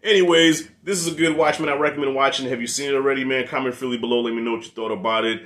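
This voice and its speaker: A man in his thirties with a New York accent reviews a show on camera from his living room, speaking rapid-fire at medium pitch into a desk mic right in front of him. The movie reviewer rants casually and loosely, swearing freely and talking animatedly with his hands.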